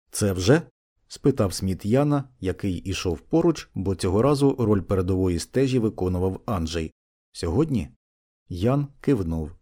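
A man narrates an audiobook in a low, warm, mellow voice. His reading is steady and measured, paced like scripted storytelling.

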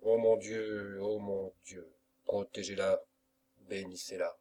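A man's voice: fairly low pitch, flat delivery, slow pace, dark tone, a little hiss or hum. A man voicing an anguished young lover who pleads earnestly, in an audiobook. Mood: pleading.

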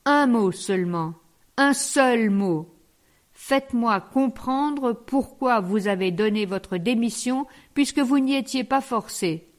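A woman's voice: on the high side, expressive, takes it slowly. A woman reading the part of a blunt, fiery housekeeper speaking with passion. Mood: pleading.

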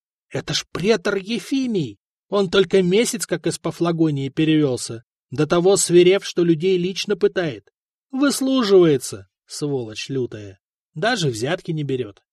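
A sly court notary oozes false sympathy and wheedling sarcasm, voiced by a male narrator. His voice sits a bit above normal and stays smooth and unhurried. The sound is dry and close. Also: high voice, sing-song, darkish tone, dry recording.

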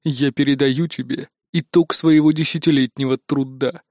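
Brief: man playing a burnt-out AI, drawn-out and cold, dry close read. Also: steady tone, darkish tone, dry recording, close to an everyday voice. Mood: solemn. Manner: slow, low and tired. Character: weary disillusioned male AI, cold and resigned.

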